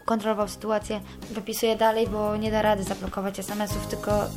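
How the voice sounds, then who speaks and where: A woman's voice: mid-range voice, completely flat delivery, brisk, music in the background. A young woman giving a candid personal account, cursing freely as she talks. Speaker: interviewee.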